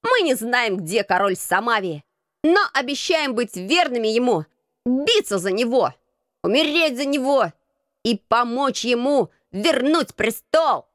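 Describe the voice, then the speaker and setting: A woman reading an audiobook, voicing a bossy crippled street boy who leads a gang and barks gruff commands. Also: on the high side, animated, unhurried, fairly bright tone, dry recording, clean studio sound, pitched above the performer's own voice. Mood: commanding. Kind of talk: audiobook character voice.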